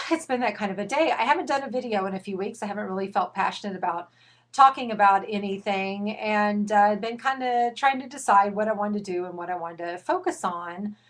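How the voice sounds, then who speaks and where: A woman's voice: medium pitch, brisk, fairly bright tone. A middle-aged woman parent coach giving an impassioned, emphatic video rant, a bit out of breath, with some restarts.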